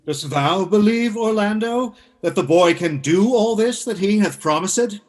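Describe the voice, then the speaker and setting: A man's voice: high-pitched, expressive, a little slow, faint music behind. A man playing a stately banished duke and father in a Shakespearean radio play, declamatory in manner. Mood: doubtful.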